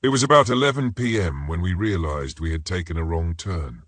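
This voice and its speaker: Deep, husky horror story narrator. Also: male voice, expressive, a little fast, fairly bright tone, no echo, clean studio sound. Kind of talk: scripted first-person narration.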